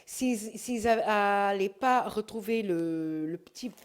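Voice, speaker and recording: A middle-aged woman talks through her shopping haul in an unhurried, easygoing way. Her voice sits at an ordinary middle pitch, and she often trails off into drawn-out fillers. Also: clean tone. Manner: hesitant, full of drawn-out fillers. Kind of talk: casual haul vlog.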